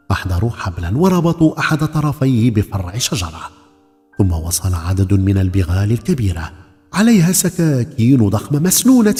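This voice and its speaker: A male storyteller narrates a folk tale with a lively, swinging pitch and a dark, mellow tone. His voice carries a long hall reverb. Faint music plays underneath. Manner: expressive, rises and falls dramatically.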